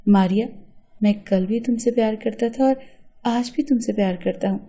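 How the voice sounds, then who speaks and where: A woman's voice: a little high, dark tone, natural voice. A woman voicing a desperate, lovesick young man who pleads earnestly in an audio story. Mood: tender.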